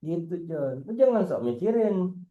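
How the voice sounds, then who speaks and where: A man's voice: high voice, moderate pace, roomy sound, phone-quality sound. A man, a football coach talking casually in an internal team meeting, teasing and asking rhetorical questions. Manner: lively, slangy, teasing, asks rhetorical questions.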